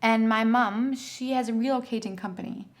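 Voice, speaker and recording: A woman's voice: on the high side, steady tone, moderate pace. Easygoing young woman. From Germany. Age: young adult. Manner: easygoing, friendly, laughs often. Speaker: model, guest. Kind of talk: casual interview answers.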